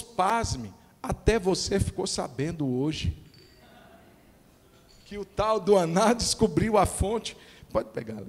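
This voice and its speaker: Male pastor, fairly high voice, unhurried emphatic sermon; church hall with long echo. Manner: emphatic preaching, rhetorical questions, swings between hushed and loud.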